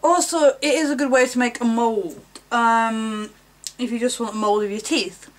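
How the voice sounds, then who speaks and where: A woman with a slight lisp giving a casual, rambling how-to talk, unhurried and full of fillers. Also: fairly high pitch, fairly even intonation. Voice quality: slight lisp from wearing false teeth. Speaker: cosplay tutorial maker.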